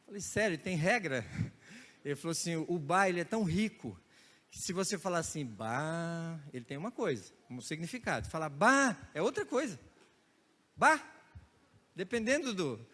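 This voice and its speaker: A male pastor preaching to his congregation in a church hall, his voice high for a man. He tells lively stories, mimicking regional sayings with a chuckle, and a long reverb trails each phrase. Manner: storytelling with playful regional imitations and laughter. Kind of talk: sermon.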